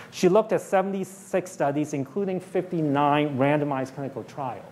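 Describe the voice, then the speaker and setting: A man giving a university talk, speaking at a middle pitch and laying out ideas plainly. He keeps pausing to ask "okay?", and he slows to a deliberate pace as he walks through a list. A faint noise sits under the lecture-hall microphone. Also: a little mellow. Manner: explains plainly, often checks in with "okay?". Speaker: professor giving a public lecture.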